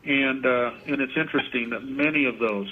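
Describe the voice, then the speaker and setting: A man speaking as an inmate guest on a payphone call, talking politics informally in a halting way and repeating his words. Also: mid-range voice. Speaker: interview guest, prison inmate calling in. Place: prison phone. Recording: muffled, noisy payphone line.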